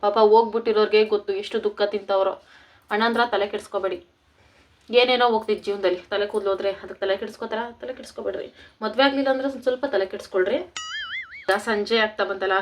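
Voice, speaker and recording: A woman's voice: medium pitch, racing, distant mic, faint music behind. A woman with a rural Karnataka Kannada accent, chatting casually to her viewers as friends in a home cooking vlog. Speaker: home vlogger. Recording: roomy home room, off-mic, faint noise.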